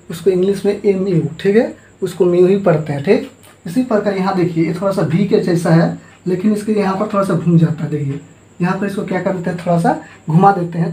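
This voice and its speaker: A man's voice: high-pitched, dark tone, echoey room, poor audio. A man teaching a math lesson. He asks the class questions, answers them himself, and ends each point with a rising "thik hai".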